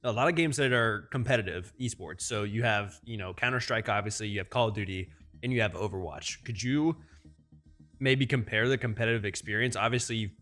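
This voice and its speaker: A man's voice: on the low side, fairly quick, a bit bright, faint music behind. A man interviewing a guest, asking long, loosely phrased questions in a chatty way. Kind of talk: casual video interview.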